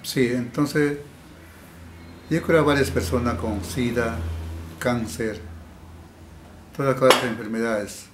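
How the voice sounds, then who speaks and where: A healer from the Peruvian Amazon answers interview questions slowly and haltingly, often restarting and repeating words. His mid-range voice has fairly even intonation. He's in an indoor room that echoes, with faint hiss in the background.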